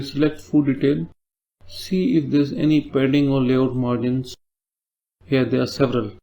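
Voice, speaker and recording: A man's voice: medium pitch, gravelly, warm tone. A man with an Indian English accent teaching a coding tutorial, explaining step by step and checking in with tag questions. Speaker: programming tutor. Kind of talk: screen-recorded coding tutorial.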